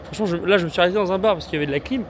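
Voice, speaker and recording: Out on sunny, bustling city streets, a man vlogs about his travels in a high-pitched, rapid-fire voice. His talk is loose, slangy and self-deprecating, peppered with fillers. Street noise surrounds the small handheld gimbal camera mic he records on.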